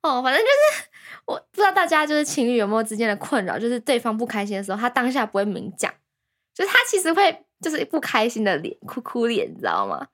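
A woman's voice: a little high, big pitch swings, fast, a bit bright. A young woman co-hosting a casual couple's podcast, teasing and playfully complaining. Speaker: podcast co-host.

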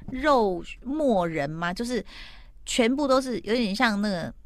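A woman's voice: a little high, lively intonation, unhurried, no echo, clean studio sound. A middle-aged woman host in casual chat, animatedly retelling a TV plot and acting out the quotes.

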